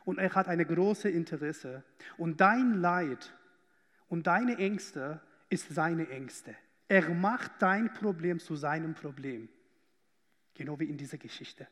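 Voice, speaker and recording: High-voiced pastor preaching in a hall. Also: male voice, slow, fairly bright tone. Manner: earnest, conversational preaching with hesitations. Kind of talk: sermon.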